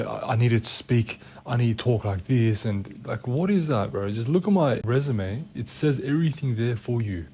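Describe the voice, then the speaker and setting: A man's voice: mid-range voice, mellow, breathy edge, dull audio. A young man in casual chat, ranting in an exasperated, slangy way. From Australia. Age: young adult. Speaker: co-host.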